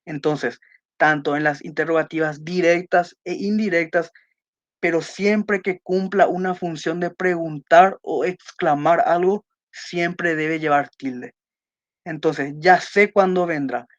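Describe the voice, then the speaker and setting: A Spanish teacher giving an online class, explaining accent rules and slowly reading out example sentences, checking in with her students. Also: on the low side, muffled recording. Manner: checks in with students by asking questions.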